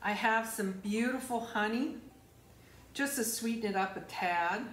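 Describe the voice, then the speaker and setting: A middle-aged woman, an executive chef, demonstrating sauces in a large home kitchen, talking in a relaxed, enthusiastic way with some fillers. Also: on the high side, unhurried. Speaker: cruise line executive chef. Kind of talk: cooking demonstration.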